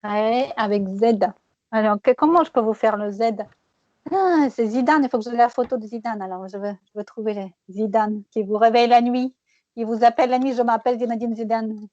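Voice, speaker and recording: A woman teaching French pronunciation one-on-one, patiently repeating words slowly and laughing often. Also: a little high, a little mellow, no room sound, highs cut off.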